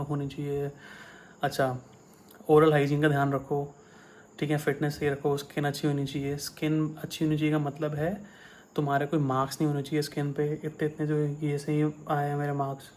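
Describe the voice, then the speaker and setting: A man's voice: a little high, a little hiss or hum. A young man speaking with an Indian accent gives casual advice on cabin crew interviews, mixing Hindi and English with many fillers. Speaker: former cabin crew giving interview tips.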